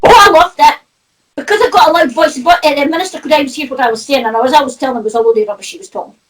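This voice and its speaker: Speaking very fast in a high-pitched voice, a Scottish woman with a Doric accent chats about spirituality as a medium. Her anecdotes come laced with laughter and frequent "you know." The mic is far away and there's a little hiss or hum.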